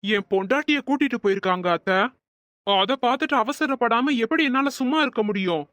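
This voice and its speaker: A performer voicing a hot-headed young husband in a cartoon story, indignant and quick to anger. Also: medium pitch, expressive, a bit bright, no echo, lightly acted. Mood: angry.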